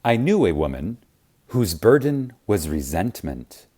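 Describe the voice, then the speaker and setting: Narrating spiritual teachings, a man with a deep, low, mellow voice reads very slowly and with reverence, pausing on purpose. His delivery is sing-song, his pitch ranging widely to stress the key words.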